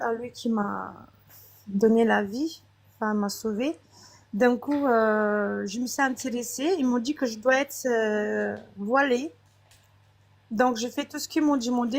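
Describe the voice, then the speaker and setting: A woman with a foreign accent, not a native French speaker, giving an unscripted personal testimony in a hesitant way, often searching for words. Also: on the high side.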